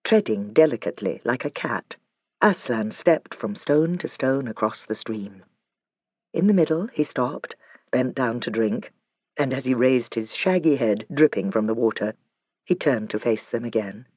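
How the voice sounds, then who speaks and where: A man narrating a children's fantasy audiobook in a measured storytelling manner. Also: medium pitch, expressive, a little mellow, no echo, muffled recording. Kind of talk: scripted narration.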